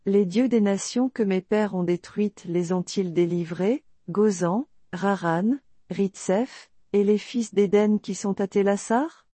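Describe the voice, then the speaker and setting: A woman reading the lines of a proud, threatening male king in a solemn, measured way. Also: mid-range voice, warm tone, dry recording. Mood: scornful.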